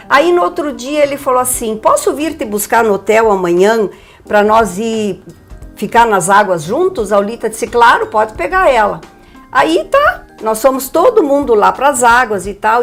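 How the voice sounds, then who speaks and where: An older woman from Brazil, telling her story with energy as a guest on a TV interview. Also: fairly high pitch. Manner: lively, animated storyteller.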